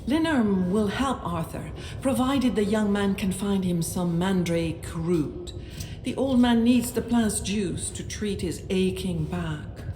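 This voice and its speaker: A woman narrating a medieval role-playing game in a measured storybook manner, sometimes dropping to a hush. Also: mid-range voice. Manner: measured, with occasional hushed whispers. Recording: roomy echo, faint noise.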